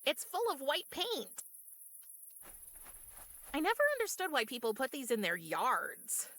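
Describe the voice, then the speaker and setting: A woman's voice: high-pitched, wildly swooping pitch, a little slow, fairly bright tone, full character voice. An actress voicing a dry, sardonic young girl in a video game, wry and unimpressed.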